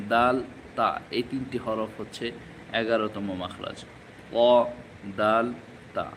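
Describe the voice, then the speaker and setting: Slow-spoken male Quran teacher. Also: fairly low pitch, noisy background. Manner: slow, drawn-out syllable drills, repeating letters for learners. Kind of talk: live online Quran recitation class.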